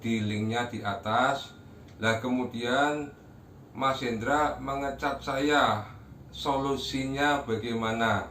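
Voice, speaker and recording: A man's voice: medium pitch, slow, a bit bright. A man presenting a tutorial, explaining things to viewers in an instructional, polite way. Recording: roomy echo, distant mic, faint noise.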